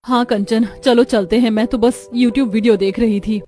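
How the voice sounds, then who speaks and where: A woman's voice: on the high side, fairly even intonation, normal speed, dark tone, soft background music, close to an everyday voice. A woman voicing a vain, showy young city woman who mocks others. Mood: bossy. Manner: mocking, showy.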